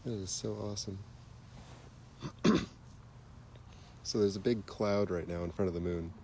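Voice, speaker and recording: A man hosting a casual livestream outdoors at night, chatty and quick to laugh, with a slightly stuffy nose, talking into a phone. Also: deep voice, creaky, a little hiss or hum. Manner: relaxed, chatty, laughs easily. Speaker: livestream host. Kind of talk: casual live chat while stargazing.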